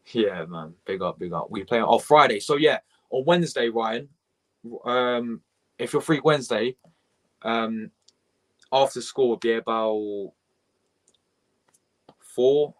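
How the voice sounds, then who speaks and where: A young man, rambling excitably as he reacts live to a match and chats with viewers. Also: medium pitch. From England. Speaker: fan channel host.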